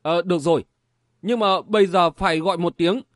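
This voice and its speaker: Man voicing an ardent young wuxia hero, soothing, kinda high voice. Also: brisk, no room sound, studio quality, lightly acted. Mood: teasing. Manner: soothing, earnest. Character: ardent young male swordsman, tender and stubborn.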